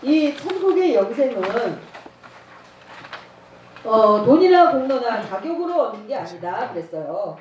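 Lively woman telling a story in church. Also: a little high, measured pace, long pauses, a little hiss or hum. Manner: storytelling, acting out dialogue, laughing often. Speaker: evangelism trainer. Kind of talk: sermon with personal testimony. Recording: echoey church hall, mic at a distance.

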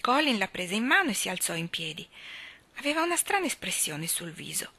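Bright-voiced woman reading a storybook. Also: mid-range voice, big pitch swings, brisk, slightly rough. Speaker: reader. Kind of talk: audiobook narration of a children's novel.

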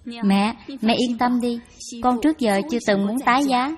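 A young woman voicing a devoted, gentle widowed daughter-in-law who speaks softly and humbly. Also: a little high, fairly even intonation, moderate pace, natural voice. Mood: pleading. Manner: soft, pleading, humble.

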